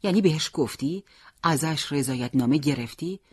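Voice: mid-range voice, darkish tone, slightly rough, no echo, clean studio sound, lightly acted. A reader voicing an anxious teenage boy who pleads with his friend, raising his voice in disbelief. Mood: worried, pleading. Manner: pleading, incredulous questions.

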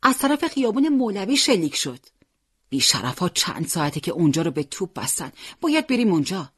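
A storyteller voicing an adult male militia leader from Tabriz who gives firm, brisk orders to his squad. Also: medium pitch, sing-song, a bit bright, husky, no echo, clean studio sound. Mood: urgent. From Tabriz, Iran.

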